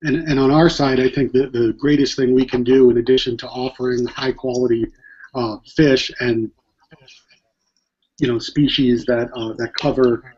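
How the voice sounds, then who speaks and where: Guy from the grocery side, real flat voice, kinda dull audio. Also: medium pitch, moderate pace, slightly rough. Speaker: grocery seafood representative. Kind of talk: panel discussion.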